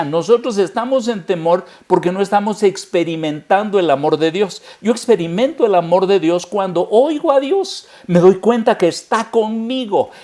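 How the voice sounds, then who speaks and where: A man's voice: high voice, a little mellow. A man, a pastor, preaching a sermon earnestly and speaking straight to the listener.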